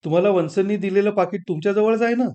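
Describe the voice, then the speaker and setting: A man voicing a fretful middle-aged wife who pleads and complains, quick to tears. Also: high-pitched, mellow, voice pushed up, close to an everyday voice. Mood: wheedling. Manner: pleading, complaining, sing-song.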